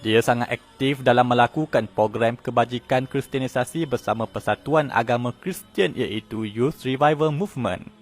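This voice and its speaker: Over faint background music, a male narrator delivers a scripted news piece. He keeps a level, steady tone at a medium pitch.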